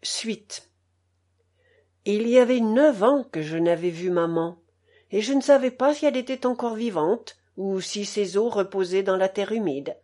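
A woman narrating an audiobook in a measured, expressive reading style. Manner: slow and measured, with expressive pitch. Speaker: audiobook reader.

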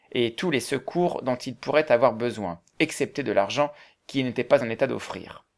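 A man reads a classic novel aloud in a measured, even way. His voice sits at a middling pitch for a man. The delivery is steady and literary, shaped like an audiobook narration.

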